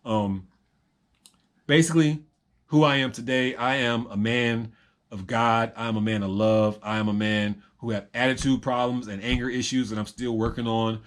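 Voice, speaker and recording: Young man, rambling vlog monologue, reflective, repeats himself, mid-pitched voice. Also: steady tone, moderate pace. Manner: rambling, reflective, with filler ums; repeats phrases for emphasis. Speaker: vlogger. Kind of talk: unscripted personal monologue.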